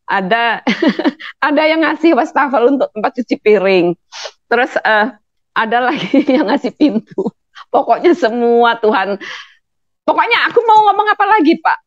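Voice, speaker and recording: A woman's voice: on the high side, lively intonation, normal speed, dry recording. Emotional middle-aged woman, dull dry sound. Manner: emotional, laughing often while telling. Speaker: guest. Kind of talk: testimony interview.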